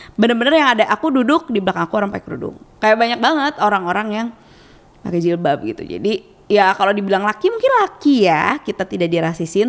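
A woman co-hosting a casual podcast chat, telling travel stories in a chatty, animated way. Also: medium pitch, big-room sound. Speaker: podcast co-host.

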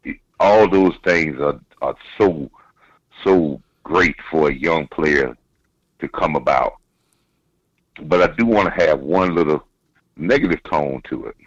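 A man's voice: very deep voice, a little slow, long pauses, breathy edge, dry recording. A man calling in over the phone, a football coach chatting casually and repeating words as he builds his point. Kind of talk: casual sports chat. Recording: dull dry phone line.

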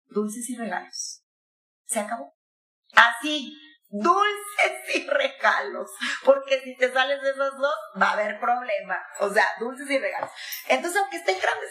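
Animated older woman, bright voice. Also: on the high side. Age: 60s. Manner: animated, acts out quoted voices. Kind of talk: conversational advice talk. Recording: echoey room.

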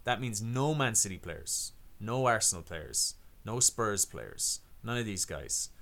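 A man's voice: on the low side, sing-song, a little slow, creaky, fairly bright tone. A man co-hosting a podcast, explaining fantasy football plans step by step in casual chat, often restarting his sentences. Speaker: podcast co-host.

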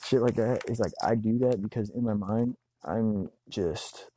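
Man, mellow dark tone, stoned and loose, slangy profane solo ramble. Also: fairly low pitch, unhurried. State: high on weed. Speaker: solo talker. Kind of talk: casual rambling monologue.

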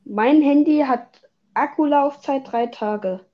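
A woman's voice: high-pitched, slow pace, highs cut off. A young woman hosting a casual podcast chat, teasing and exclaiming in slangy talk. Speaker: podcast host. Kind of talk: casual chat while gaming.

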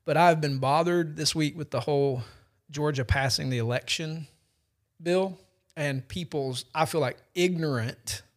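A man in his forties hosting a casual podcast chat, telling stories with a self-deprecating, animated manner. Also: fairly high pitch, a little slow. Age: 40s. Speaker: podcast host.

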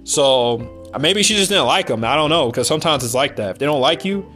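A man's voice: on the high side, expressive, fairly quick, sharp tone, faint music behind. Blunt, rambling American podcast man. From United States. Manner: rambling, blunt, swears freely. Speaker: podcast host. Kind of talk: casual spoken monologue.

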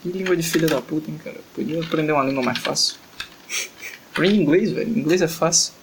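A man's voice: a little high, quick pace, vocal fry. A man from Brazil co-hosting a casual podcast, joking, swearing freely and fumbling through foreign words. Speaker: podcast co-host. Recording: faint background noise.

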